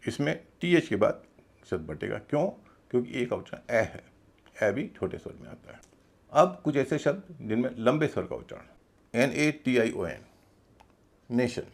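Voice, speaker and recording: A man teaching an English pronunciation lesson, slow and patient, repeating points and spelling words out letter by letter. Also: fairly low pitch, vocal fry, a little mellow. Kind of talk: spoken grammar lesson.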